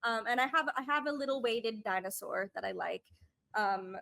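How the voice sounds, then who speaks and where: A woman speaking candidly as a podcast guest, rambling and earnest, with frequent restarts and sudden jumps in pitch and loudness. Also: normal speed, vocal fry.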